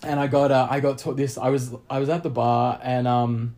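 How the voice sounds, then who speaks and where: A man's voice: mid-range voice, moderate pace. A young adult man with an Australian accent, telling a long story in casual chat, rambling with many fillers and acting out other people's lines. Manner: rambling, animated storytelling with lots of fillers and acted-out quotes. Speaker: podcast guest.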